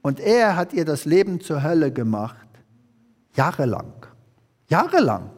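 A man's voice: on the high side, moderate pace. A man preaching a sermon as an evangelist, telling a story and acting out the quoted speech of its characters. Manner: animated storyteller who acts out quoted speech. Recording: echoey hall reverb.

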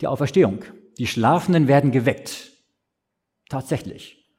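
A man preaching a sermon, asking questions and answering them himself in a slow, explaining way. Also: mid-range voice, expressive, darkish tone, slightly rough.

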